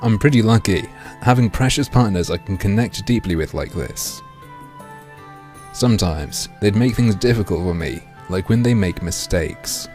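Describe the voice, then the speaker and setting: A man livestreaming through a headset mic, reading a game aloud and joking crudely with his chat in a deadpan way. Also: fairly low pitch, normal speed, faint music behind.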